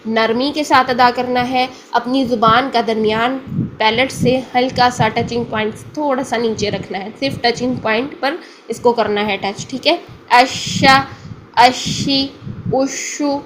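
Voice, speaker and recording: A woman's voice: fairly high pitch, fairly even intonation, slight background noise, low-quality recording. A woman with a Pakistani Urdu accent teaching a Tajweed lesson, explaining patiently and often checking that the listener follows. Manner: patient, repeats each point, checks in with the listener. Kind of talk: Quran pronunciation lesson.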